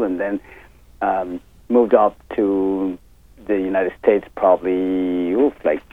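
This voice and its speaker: A man from Mexico, a chef guest on a radio interview, talking in a relaxed, hesitant way. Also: on the low side, no room sound. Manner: relaxed, hesitant, lots of ums. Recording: tinny phone line.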